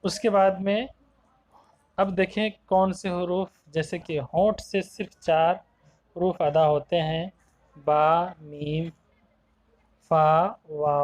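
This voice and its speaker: A man teaching a tajweed lesson to young children, explaining each term, repeating it slowly and sounding out single Arabic letters one by one. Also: sits high, steady tone, a little mellow, dry recording, low-quality recording. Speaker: Quran teacher.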